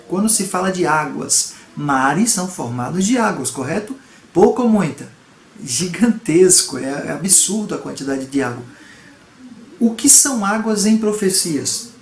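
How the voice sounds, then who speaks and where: A man from Salvador, Brazil, preaching a home video sermon with earnest emphasis and rhetorical questions. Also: on the high side. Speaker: pastor. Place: home room. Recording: echoey room, faint background noise.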